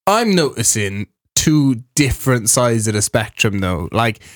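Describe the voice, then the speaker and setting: A young man chatting on a podcast. He tells stories with animated energy, dropping slang and swearing freely. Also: mid-range voice, a little slow. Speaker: podcast co-host. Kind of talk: casual chat.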